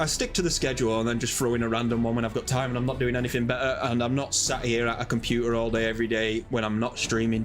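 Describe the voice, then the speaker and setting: Chatty man streaming a game. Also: medium pitch. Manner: chatty, rambling, self-deprecating. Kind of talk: casual live-stream chat.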